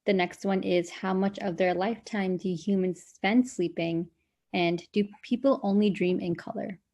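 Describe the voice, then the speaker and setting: A Brooklyn, New York woman in her twenties, a nursing student, reads a health presentation on a video call, stumbling now and then with small "um" fillers as she gets through the statistics. Her voice sits at medium pitch, steady and darkish, at a moderate pace.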